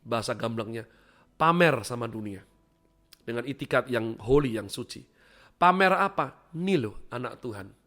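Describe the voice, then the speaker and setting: A middle-aged man preaching a sermon in church, swinging between loud exclamations and hushed asides as he keeps calling out to the congregation. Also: mid-range voice, expressive, moderate pace. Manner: keeps addressing the congregation as "saudaraku". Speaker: pastor.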